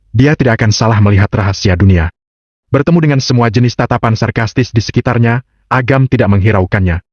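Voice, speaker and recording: A man narrating a web novel in a steady, even reading voice. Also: lowish voice, no echo. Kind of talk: scripted narration. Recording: dull, dry lo-fi recording.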